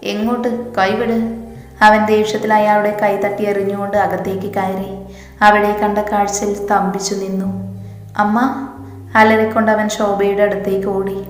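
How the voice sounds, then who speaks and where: A woman storyteller reading a scripted story in a steady, even way. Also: medium pitch, a little fast. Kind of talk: scripted narration. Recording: echoey room with reverb. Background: soft music.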